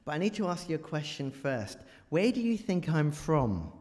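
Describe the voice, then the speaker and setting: An English guest preacher gives a chatty, joking talk to the congregation of a large church, quizzing his audience as he goes. His slightly mellow voice is on the high side, very animated, and moves at a normal speed. The church hall is reverberant.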